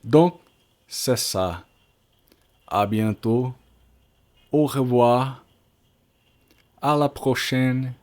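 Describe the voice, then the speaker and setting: A man with a Brazilian Portuguese accent teaching a recorded language lesson, patiently explaining and repeating example words slowly and carefully, often checking in with tag questions. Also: medium pitch, a little mellow. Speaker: French teacher.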